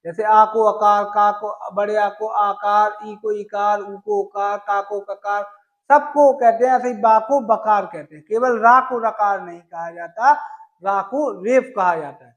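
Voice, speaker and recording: A man's voice: high-pitched, steady tone, a little slow, reverberant, highs cut off. A male Sanskrit teacher from gives an exam-prep lesson, using homely examples and asking and answering his own questions.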